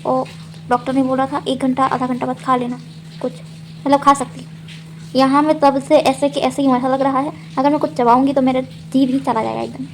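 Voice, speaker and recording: Young woman vlogger, high-ish voice, chatty and rambling, words a bit slurred from anesthesia, faint noise behind. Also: little pitch movement, moderate pace, rough recording. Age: young adult. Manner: chatty, rambling, exasperated asides. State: slightly slurred speech from dental anesthesia. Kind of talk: casual vlog chat. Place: hostel room.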